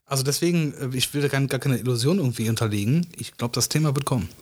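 A man's voice: mid-range voice, quick pace, husky. A man co-hosting a podcast in casual chat, talking earnestly and agreeing as he thinks aloud. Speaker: podcast co-host.

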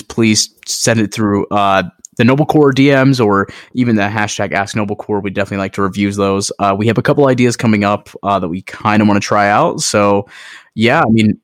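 A man co-hosting a gaming podcast, talking in a laid-back, relaxed way and thanking listeners. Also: on the low side, dry recording, clean studio sound. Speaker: podcast co-host. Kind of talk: casual chat.

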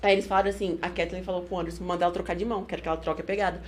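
A woman with a Brazilian Portuguese accent, a guest on a studio podcast, telling a story with energy and acting out the shouts of others. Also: lowish voice, little pitch movement, rapid-fire, slight background noise. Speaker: guest fighter. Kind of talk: casual podcast interview.

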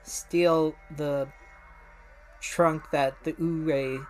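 Low-voiced chatty woman. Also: steady tone, drawn-out words, darkish tone, soft background music. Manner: chatty, trailing off and restarting mid-sentence. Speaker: co-host. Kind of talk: casual watch-along chat.

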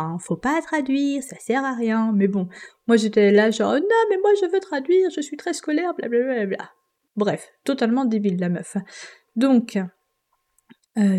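A woman's voice: mid-range voice, dark tone. A young woman from France hosting a casual solo podcast, chatty and self-deprecating, with frequent hesitations. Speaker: podcast host.

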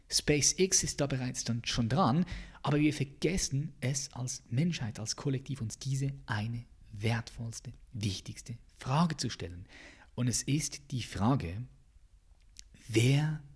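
Husky guy doing a motivational coaching talk, big loud bursts then whispers. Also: medium pitch. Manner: intense, swings between loud bursts and whispers. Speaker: personal growth coach. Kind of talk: motivational monologue.

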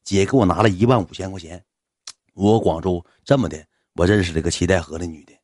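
A man in his thirties with a Northeastern Chinese accent tells a comic story in a low voice. He rambles in colloquial speech and calls his listeners brothers. The sound is dry and close to the mic. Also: fast talker, a little mellow, dry recording. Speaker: storyteller, livestream host.

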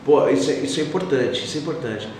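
A man's voice: mid-range voice, fast, darkish tone. A man hosting a casual interview who keeps prompting with short questions and throws in slangy asides. His voice rings in a strongly echoing room. A faint noise sits under the recording. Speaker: interview host. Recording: roomy echo, faint noise.

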